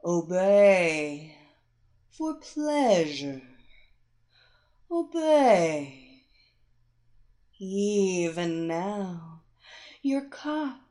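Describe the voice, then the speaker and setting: A woman voicing a seductive, domineering female hypnotist who gives slow, soothing commands. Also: medium pitch, a little mellow. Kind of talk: erotic audio story acting.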